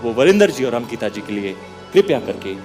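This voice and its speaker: A man hosting a television quiz show, lively and playful, switching between Hindi and English. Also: mid-range voice, brisk, music in the background. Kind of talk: energetic game show hosting.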